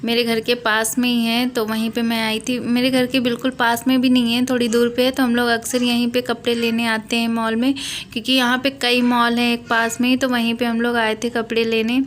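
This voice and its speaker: Chatty woman vlogger, narrow-pitched voice. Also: monotone, brisk, a little hiss or hum. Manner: chatty, repeats herself, frequent tag questions. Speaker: vlogger and mother. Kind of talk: casual vlog narration over shopping footage.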